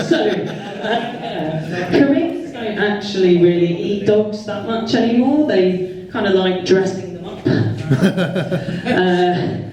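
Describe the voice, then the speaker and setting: A woman's voice: mid-range voice, far from the mic. A woman from England doing a stand-up comedy set in a comedy club, wry and self-mocking and swearing freely, with audience laughter behind her. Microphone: stage microphone. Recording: echoey club room, off-mic.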